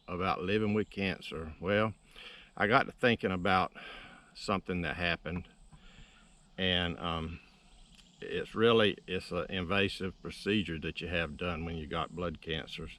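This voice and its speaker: Breathless, low-voiced older Southern man. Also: fairly bright tone. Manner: folksy, rambling. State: short of breath. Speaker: video blogger living with cancer. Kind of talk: casual storytelling to camera.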